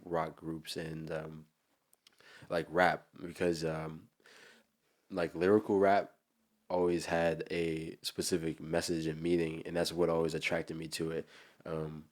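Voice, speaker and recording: A man's voice: rumbling low, little pitch movement, a little slow. A man with a New Jersey accent, chatting casually and in a slangy, rambling way as a musician being interviewed.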